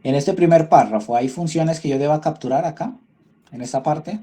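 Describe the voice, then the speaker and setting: Husky, dark-voiced man teaching. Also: a little high, normal speed. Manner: thinks aloud, checks in with tag questions. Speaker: university instructor. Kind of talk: online class lecture.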